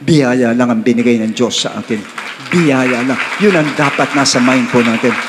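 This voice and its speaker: A Filipino man preaching a sermon in a church hall, his mid-pitched voice trailing a long reverb. He mixes steady talk with sudden high bursts and drawn-out, stressed readings. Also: very noisy. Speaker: pastor.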